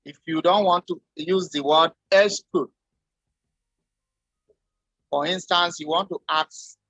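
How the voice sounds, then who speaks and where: A man teaching a French lesson, explaining slowly and deliberately with spoken examples. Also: fairly high pitch, fairly even intonation, creaky, fairly bright tone, no room sound. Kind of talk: lecture.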